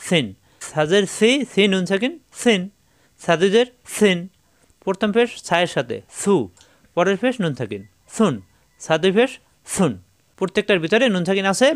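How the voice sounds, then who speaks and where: High-voiced man teaching Quran recitation. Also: no room sound, studio quality. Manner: patient, repeats syllables slowly for learners. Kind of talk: step-by-step recitation lesson.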